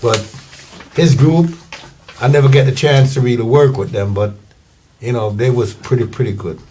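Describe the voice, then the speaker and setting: An older man with a Jamaican accent, a guest singer telling his story in a relaxed, rambling way in an interview. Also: medium pitch, moderate pace, slight background noise. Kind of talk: casual interview.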